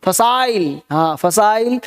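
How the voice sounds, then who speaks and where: Slow, smooth and expressive, a high-pitched man leads a vocabulary lesson. He repeats words in rhythmic drills of word tricks and gets the class to respond back in a call-and-response pattern.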